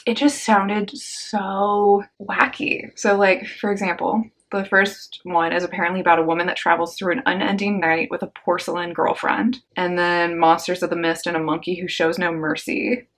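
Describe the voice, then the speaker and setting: A young woman talks through her stack of new books in a relaxed, slangy way, full of quick asides. Her voice sits a bit low for a woman. It sounds like an easygoing vlog chat. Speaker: book vlogger. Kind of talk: casual book haul chat.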